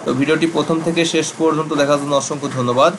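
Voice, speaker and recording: A man's voice: a little high, steady tone, very fast, background noise. Man patiently spelling out letters. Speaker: teacher. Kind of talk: spoken English grammar lesson.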